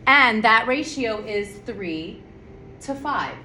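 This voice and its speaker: A woman's voice: fairly high pitch, lively intonation, slow, bright, forceful tone, a little hiss or hum. A woman teaching math to her students in a chatty, casual tutorial. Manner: chatty, talks directly to students. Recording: echoey room with faint ambience.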